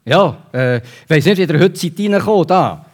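A man from Switzerland with a Swiss German accent, preaching a sermon in a conversational, lively way. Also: a little high, moderate pace.

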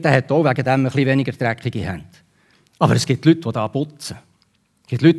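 A man from Switzerland with a Swiss German accent, preaching a sermon in a conversational, lively way. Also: on the high side.

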